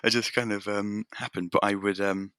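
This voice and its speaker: A man's voice: fairly low pitch, flat delivery, moderate pace, pushed and bright, a little hiss or hum. A man talking as a podcast guest about making his game, rambling and self-deprecating with lots of restarts. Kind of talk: casual conversation.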